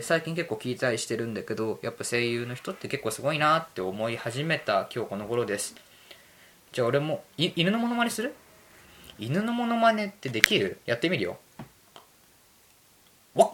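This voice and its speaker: A man's voice: medium pitch, a bit bright, a little hiss or hum. Rambling self-mocking male podcaster. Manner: rambling, self-mocking, drifts between topics. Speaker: podcast host. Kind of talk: casual solo podcast chat.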